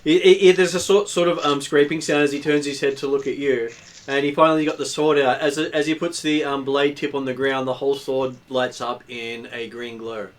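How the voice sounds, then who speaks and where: A man narrating a tabletop game as game master, improvising descriptions in halting pieces. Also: mid-range voice, steady tone.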